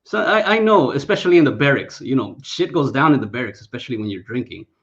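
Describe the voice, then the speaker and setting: A man with a middle-pitched voice talks casually, laughing through his stories and swearing at nearly every turn. The audio is muffled and lo-fi. He comes across as blunt and rough-edged. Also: lively intonation, fast. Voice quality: heavily profane, laughs often. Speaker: veteran discussion guest. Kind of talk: casual chat.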